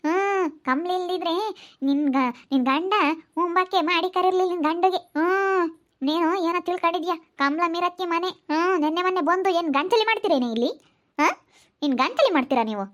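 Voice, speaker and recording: A loud, quarrelsome village wife, played by a woman, hurls scolding retorts. Her voice sits very high and the words tumble out fast. She is a comedy-drama character who never backs down. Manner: scolding, quick and combative.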